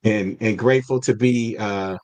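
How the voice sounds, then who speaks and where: A man's voice: lowish voice, steady tone, moderate pace, a little mellow. A middle-aged man from Atlanta, a podcast co-host telling his story in a friendly, grateful way. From Atlanta, USA. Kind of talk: casual chat.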